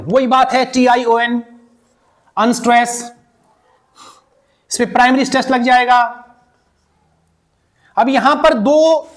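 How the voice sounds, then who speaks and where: A man teaching English pronunciation, repeating each word slowly again and again as a drill and calling his viewers "beta" in a fatherly way. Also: very high-pitched. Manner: slow, repeats words many times for drill. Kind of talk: pronunciation lesson.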